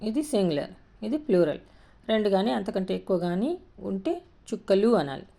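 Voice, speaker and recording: A woman teacher leads a lesson in a warm, mellow voice. She reads words out slowly, drawing each syllable out clearly, then explains them in a steady classroom tone. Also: medium pitch. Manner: slow, drawn-out syllable-by-syllable word reading. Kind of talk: Telugu grammar lesson, reading words aloud.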